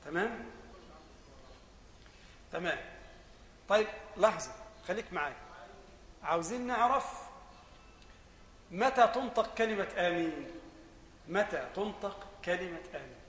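Egyptian sheikh lecturing in an echoey hall. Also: male voice, high voice, lively intonation, moderate pace, pauses often, slight background noise. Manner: explains by asking questions and answering them himself, then repeats the answer; rises to loud emphatic passages. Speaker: sheikh teaching Islamic jurisprudence. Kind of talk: religious lesson.

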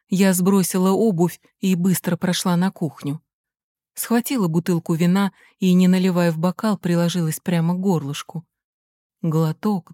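A woman narrating a story in the first person in a measured, unhurried reading. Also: fairly low pitch, dark tone, no echo, clean studio sound. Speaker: audiobook narrator.

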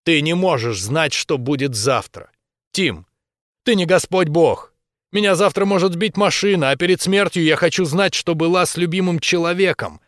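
A man's voice: medium pitch, fairly even intonation, moderate pace, dry recording, studio quality, close to an everyday voice. A man voicing a young wife in an audiobook, pleading with her husband in a raised voice. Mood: pleading, desperate. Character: young woman, the narrator's wife, desperate.

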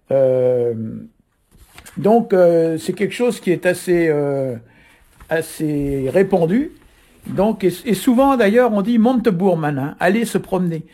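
Guy from brittany on the radio explaining words, lots of ums, kinda husky. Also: high-pitched, mellow. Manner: hesitant, filler-heavy, explanatory. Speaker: Breton language guest teacher.

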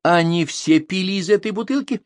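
Man voicing a commanding police commissar, audiobook, curt, lively pitch, dry. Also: brisk, no room sound. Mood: stern questioning. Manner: brusque, commanding. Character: stern impatient male police commissar.

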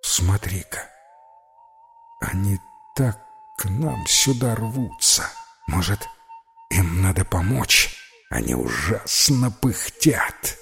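A man's voice: sits low, very animated, slow pace, gravelly, long pauses, a bit bright, faint music behind, exaggerated voice. A man voicing a shy, kindly male house spirit who speaks in a hesitant, folksy way. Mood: curious. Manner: hesitant, homely folksy speech.

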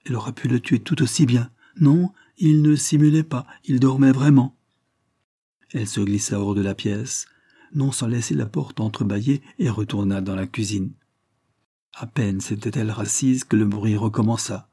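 A man narrating a suspense story as an audiobook reading, measured and suspenseful. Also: fairly low pitch, mellow, breathy edge.

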